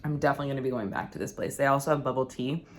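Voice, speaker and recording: Chatty and often laughing, a young travel vlogger talks casually from indoors in a rented flat. Her rumbling low voice keeps a steady tone and moves rapid-fire, and the recording is very noisy.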